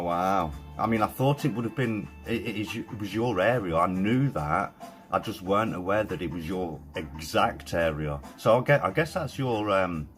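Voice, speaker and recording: A man with a British accent hosting a live stream and chatting casually with viewers, excitable and loose-tongued, dropping "mate" and "man" and the odd swear. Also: lowish voice.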